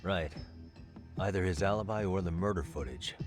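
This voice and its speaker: An actor playing a stern, serious detective in a game dub. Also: male voice, sits low, moderate pace, music in the background, lightly acted. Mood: grim. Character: stern determined male detective, adult.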